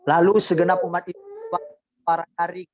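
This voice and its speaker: A man's voice: high-pitched, monotone, brisk, darkish tone, no echo. A male pastor preaching a sermon, asking his congregation rhetorical questions and often acting out quoted voices.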